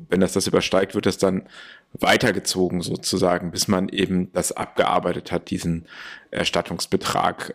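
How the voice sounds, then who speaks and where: A man with a low, gravelly voice takes his time explaining a policy point in a relaxed conversational way. He fills his pauses with plenty of hesitation sounds. His tone stays matter-of-fact and explanatory. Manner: explains at length, with many fillers.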